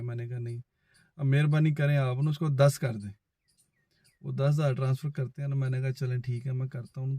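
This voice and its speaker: In a dry recording, a Pakistani-accented vlogger with a dark, mid-range voice casually tells a personal story. Along the way he quotes back-and-forth dialogue, playing both parties in phone conversations he recalls.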